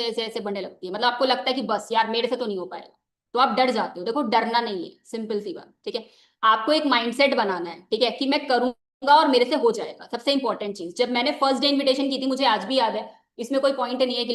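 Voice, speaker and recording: A woman's voice: a little high, reverberant. A young woman giving a conversational motivational training talk into a microphone, mixing in English phrases and often saying "ठीक है" as a filler. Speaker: network marketing trainer. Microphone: wearing a microphone.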